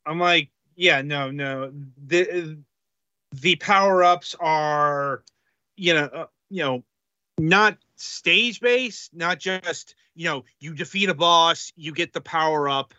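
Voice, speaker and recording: A man co-hosting a casual game-review podcast, talking haltingly with many fillers. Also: a little high, sharp tone, dry recording, highs cut off. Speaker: podcast co-host reviewing games.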